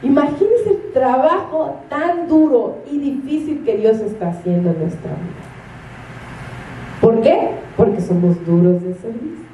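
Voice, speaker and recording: A woman's voice: high-pitched, measured pace, dark tone, lo-fi sound, a little hiss or hum. A woman, a minister preaching a sermon and telling stories with acted-out quotes and laughter. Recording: echoey room from a distance.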